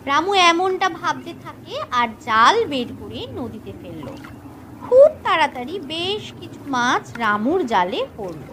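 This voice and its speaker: A woman narrating a children's cartoon story in an expressive, lilting storybook way. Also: sits high, unhurried, a little hiss or hum, low-quality recording.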